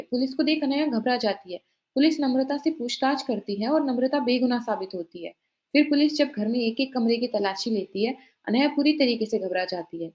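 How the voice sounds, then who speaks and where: A woman telling a family drama story in plain, even scripted narration. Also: on the high side, muffled recording.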